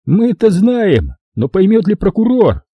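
A man's voice: sits high, moderate pace, slightly rough, dry recording, muffled recording, pitched above the performer's own voice, heavily acted. A man voicing a fawning, snickering lanky thug. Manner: flattering, snickering, joking.

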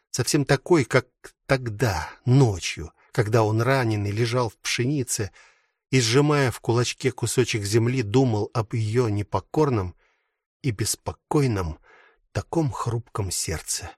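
A man's voice: mid-range voice, no room sound. Man narrating, dry close sound. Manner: measured, expressive reading. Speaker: audiobook narrator. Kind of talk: literary audiobook narration.

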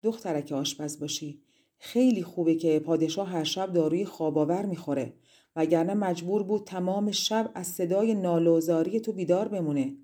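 A woman's voice: lowish voice, dark tone, natural voice. A woman doing a gossiping male palace servant. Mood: confiding.

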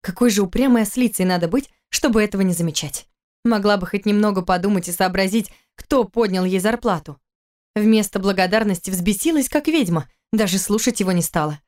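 A woman narrating a novel in a steady, measured reading. Her voice sits in a middle range, and she keeps to an unhurried audiobook delivery. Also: medium pitch. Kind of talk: scripted narration.

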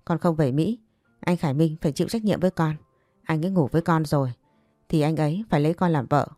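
Lady narrator doing a spiteful young schemer, taunting, low dark voice. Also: fast, no room sound, studio quality, faint music behind. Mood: whiny. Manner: taunting, whiny.

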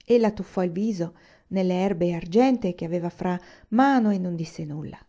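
A woman reads a novel aloud in a steady, measured audiobook delivery. Her voice is warm and mellow, and the lo-fi recording sounds a bit dull. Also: on the low side. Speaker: reader. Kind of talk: audiobook narration. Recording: slightly muffled lo-fi recording.

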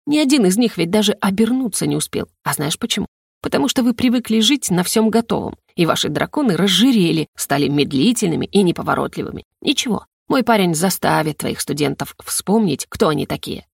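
A woman voicing a composed male elf lord who serves as dean, speaking in a measured, reasoning way that can turn stern. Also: lowish voice, animated, gravelly, breathy edge, dry recording, clean studio sound, heavily acted. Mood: lecturing.

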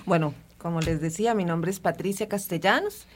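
A woman from Honduras, a guest on a radio show who works with refugees, speaking softly and unhurriedly with many fillers. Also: on the low side, a little fast, a little hiss or hum. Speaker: guest, refugee support worker. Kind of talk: radio interview.

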